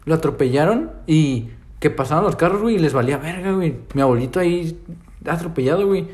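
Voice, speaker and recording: A man's voice: fairly high pitch, lively intonation, quick pace, darkish tone. A young man with a Mexican Spanish accent, telling stories in slangy casual chat and laughing often.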